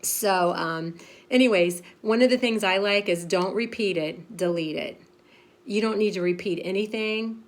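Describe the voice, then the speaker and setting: A woman's voice: mid-range voice, moderate pace. A woman in her fifties, a pastor's wife, giving a frank, chatty devotional talk with lots of fillers and laughing at herself. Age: 50s.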